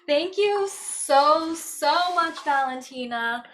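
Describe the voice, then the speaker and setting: A woman's voice: high-pitched, expressive, very slow, a bit bright. A woman livestreaming in a casual, chatty way, cooing and doting as she talks to her cats. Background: faint background music.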